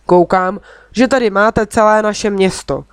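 A woman's voice: medium pitch, fairly even intonation, clear, resonant tone, no echo, clean studio sound, natural voice. A woman reading a father with a wry, reasoning way of talking in a children's story. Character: dry-humored father on a ski trip.

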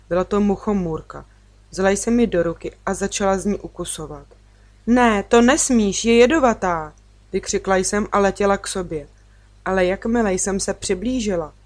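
A woman narrating a children's book in the first person, with gentle and even storytelling. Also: mid-range voice. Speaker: audiobook reader.

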